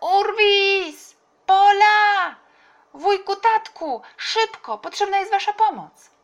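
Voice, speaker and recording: A woman voicing an excited little girl who calls loudly to her family in a storybook reading. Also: slow, muffled recording, full character voice. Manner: very high, piping calls.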